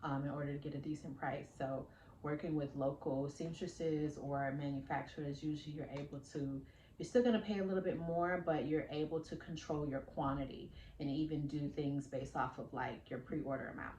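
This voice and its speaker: A woman's voice: deep voice, fairly even intonation, moderate pace, mellow, slight background noise. A woman fashion designer talking casually to her vlog audience, explaining her business in a chatty way with frequent fillers. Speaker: independent fashion designer and vlogger. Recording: echoey room.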